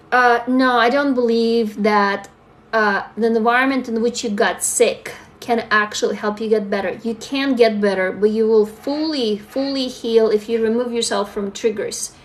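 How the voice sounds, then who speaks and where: A young adult woman from Russia, chatting candidly with viewers on a phone livestream and reading their comments aloud. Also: on the high side. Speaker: livestream host. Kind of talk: casual live-stream chat.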